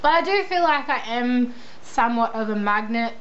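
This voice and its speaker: Young woman, Australian accent, higher pitch, casual self-deprecating chat, lo-fi sound with faint noise. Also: expressive, normal speed, a bit bright. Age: young adult. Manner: rambling, self-deprecating, informal. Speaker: vlogger answering viewer questions. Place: indoors at a computer.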